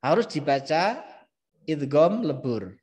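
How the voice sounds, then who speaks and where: Man teaching slow, lively recitation. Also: fairly high pitch. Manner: models recitation in slow, drawn-out chanting; explains patiently, repeating key terms. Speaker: Quran teacher. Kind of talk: live-streamed recitation lesson.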